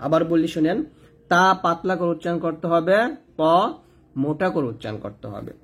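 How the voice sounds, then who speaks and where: A man teaching Quran reading, slowly repeating letter sounds for drilling. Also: fairly high pitch, lively intonation, creaky, slightly rough. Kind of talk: step-by-step recitation lesson.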